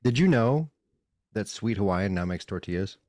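A man co-hosting a podcast in casual chat, blunt and quick, swearing freely. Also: lowish voice, expressive, a little mellow, dry recording, clean studio sound. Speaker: podcast co-host.

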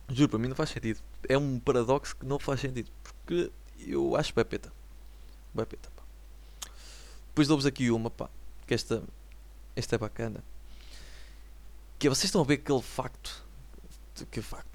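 Rambling young man with a European Portuguese accent. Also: mid-range voice. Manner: rambling, slang-heavy, keeps checking if listeners follow. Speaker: vlogger. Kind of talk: casual solo chat to viewers. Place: at home.

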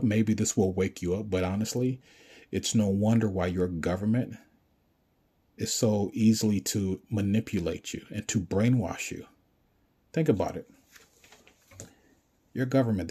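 Gruff, dark-voiced man ranting profanely. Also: lowish voice. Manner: profane, confrontational, insulting the listener. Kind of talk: ranting monologue.

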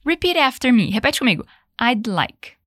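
A young Brazilian woman teaching an English lesson, saying phrases slowly and patiently for the learner to repeat. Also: fairly high pitch, very animated, a bit bright, no echo, studio quality. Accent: Brazilian Portuguese. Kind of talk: language lesson.

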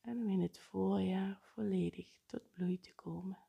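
Woman, meditation guide, slow, soft half-whisper, husky, gravelly. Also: medium pitch, fairly even intonation.

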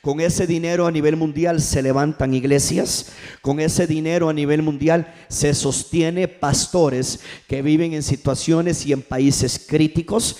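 In church, a male pastor delivers a sermon and calls on the congregation to respond, in a call-and-response style. His voice is a little high, steady and warm, and he speaks a little slowly.

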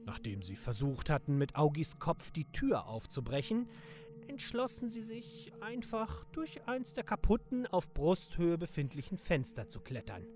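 Lively storybook narrator over music. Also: medium pitch, measured pace. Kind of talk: scripted narration for a comedy audio play.

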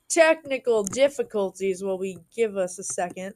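A woman's voice: mid-range voice, measured pace. A woman hosting a casual movie podcast, leading the talk, reading out ratings and laughing often. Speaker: podcast host. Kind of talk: casual chat about a movie.

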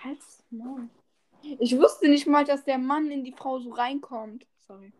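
Giggly high-voiced young woman chatting. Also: fairly even intonation, measured pace, darkish tone. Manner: giggly, teasing, sings playfully. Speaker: podcast co-host. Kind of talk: casual chat.

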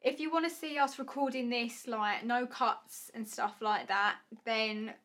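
A woman with an Essex accent and a slightly high voice chats as a podcast co-host. She is informal and supportive, speaking to listeners like friends. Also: fairly even intonation, unhurried, a bit bright. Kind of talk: casual chat.

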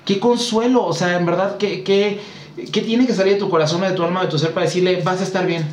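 Fast-talking Mexican man, animated storyteller. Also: high-pitched, a little hiss or hum. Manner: animated storyteller acting out quotes. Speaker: guest spiritual consultant. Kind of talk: casual chat. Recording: roomy echo, faint background ambience.

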